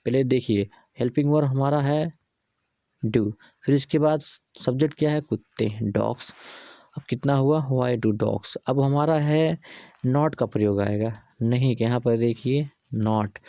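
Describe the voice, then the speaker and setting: A man's voice: medium pitch, mellow, no echo. Patient man teaching grammar. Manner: repetitive, patient teaching with rhetorical questions. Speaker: English teacher. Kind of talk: explaining grammar examples step by step.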